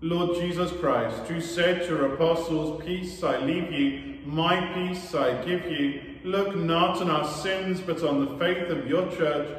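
A man leading liturgical prayers as a priest in a large church, reciting in a measured, solemn way, his voice carried by a cathedral echo. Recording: booming echo and long church reverb.

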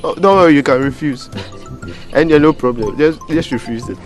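A young man with a West African, Ghanaian accent playing a boastful, shifty suitor in a comedy series, halting and chuckling as he talks. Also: fairly high pitch, over music, lightly acted. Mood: evasive, uneasy. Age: young adult. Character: young smooth-talking show-off suitor, eager and shifty. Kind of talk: comedy web series acting.

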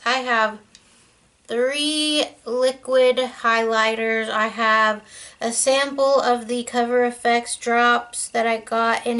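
A young woman talks through her makeup routine in a loose, chatty vlog style, full of "like"s and small tangents. Her voice sits a little high and she takes her time between words. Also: fairly bright tone, slight background noise. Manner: chatty and rambling, many "like"s. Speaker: beauty vlogger. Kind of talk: casual makeup vlog chat.

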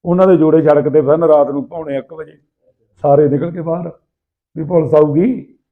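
A man with a Malwai Punjabi accent casually telling anecdotes in rough, earthy, animated banter, acting out people's dialogue. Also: fairly high pitch, normal speed. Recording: tinny, phone-like narrow sound.

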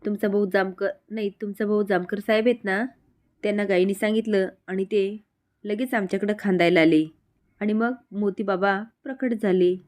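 A sly, sweet-talking village woman, as the narrator puts her on. She coaxes and flatters in an ingratiating tone, in the narrator's own middle pitch. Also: normal speed, lightly acted. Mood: coaxing. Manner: coaxing, ingratiating.

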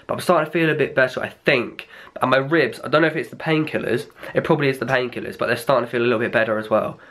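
A man's voice: medium pitch, very fast, a bit bright. A young man, rambling casually to the camera in a vlog, sounding a bit ill with a blocked nose. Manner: rambling, chatty. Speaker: vlogger.

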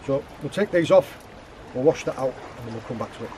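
With a medium-pitched, darkish voice, lively intonation and a quick pace, a man in his thirties explains seafood prep on a rocky beach. A little hiss or hum is audible. He's a guest forager demonstrating cooking, working by hand through a casual step-by-step how-to.

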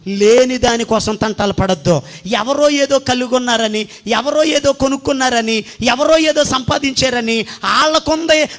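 A man's voice: very high-pitched, moderate pace, fairly bright tone. A male pastor preaching a sermon, acting out the pleas of Bible figures and calling the church to praise.

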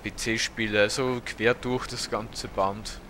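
This slow, sharp-toned voice belongs to a let's play host from Austria, a man in his 30s. He sits on the low side with fairly even intonation, narrating gameplay casually while hesitating and filling gaps with "um"s, over slight background noise.

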